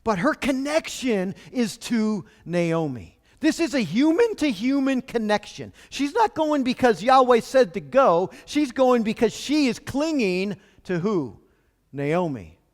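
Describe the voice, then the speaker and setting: A man's voice: very high-pitched, sing-song, unhurried, big-room sound. A man preaching a sermon as pastor, in a conversational way with rhetorical questions.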